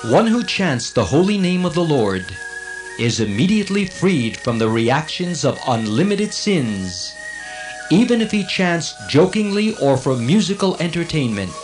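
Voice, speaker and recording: In a dramatized scripture audiobook, a male actor with a fairly high voice plays a righteous celestial servant of God. He argues earnestly in a formal, declamatory style, and the recording is of low quality.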